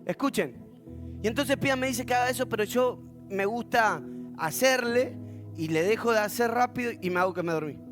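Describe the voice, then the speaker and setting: A man's voice: extremely high pitch, moderate pace, music in the background. A man with a Rioplatense accent preaching a sermon as pastor, telling stories with humor and acting out the voices of others. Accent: Rioplatense Spanish. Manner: animated storytelling with humor, acting out quoted voices.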